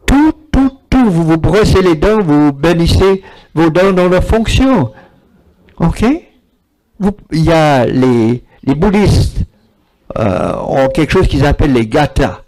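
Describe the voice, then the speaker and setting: A man's voice: a little high, slow, darkish tone. A man, giving a spiritual talk and taking questions from an audience, repeating words for emphasis. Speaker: spiritual speaker.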